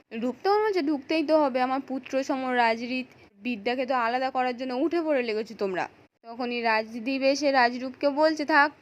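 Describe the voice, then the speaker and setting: A woman retelling a drama episode in scripted narration, quoting the characters' lines with lively delivery. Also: high voice. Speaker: serial recap narrator.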